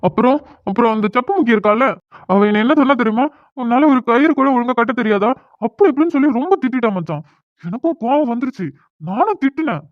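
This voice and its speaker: A woman's voice: on the high side, animated, fast, dry recording, close to an everyday voice. Woman voicing a whiny young man. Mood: complaining. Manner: complaining, self-pitying, pleading. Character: young man, newly and unwillingly married, whiny. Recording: dry, tinny phone-like audio.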